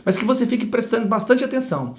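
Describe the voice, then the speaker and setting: A Brazilian man teaching English pronunciation, speaking close to the mic and slowly repeating model words with emphasis. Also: very high voice, sing-song. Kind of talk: pronunciation lesson. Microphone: close microphone.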